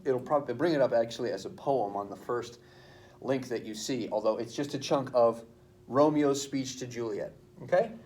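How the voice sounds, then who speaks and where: A male teacher recording a video lesson for his students, explaining verse slowly and stressing syllables aloud. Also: mid-range voice, darkish tone.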